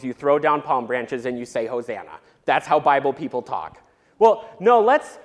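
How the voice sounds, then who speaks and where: Animated high-voiced male pastor. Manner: animated, conversational preaching with shifts of emphasis. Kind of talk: sermon.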